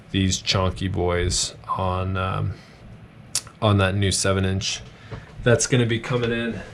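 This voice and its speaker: Laid-back guy at his workbench, voice a bit worn, slow rambly stream chat. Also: fairly low pitch, slight background noise. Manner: relaxed, rambling, many fillers and pauses. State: voice tired from long talking. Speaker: streamer building drones. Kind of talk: casual live-stream chat. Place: home workbench.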